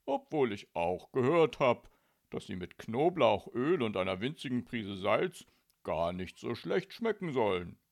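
Lecturing husband, put on by a man narrator, gravelly, mid-pitched, self-satisfied. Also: sing-song, a little slow, a little mellow. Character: know-it-all husband on holiday. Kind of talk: audiobook character voice.

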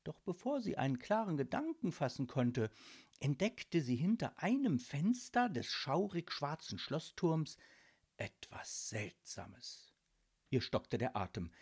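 A woman narrating a spooky children's storybook in a dramatic, expressive reading. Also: low-pitched, measured pace, breathy edge.

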